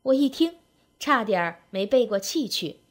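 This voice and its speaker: A woman with a fairly high voice reads a comic story aloud at normal speed. Her narration is wry and lively, leaning into rhythmic, patterned phrases.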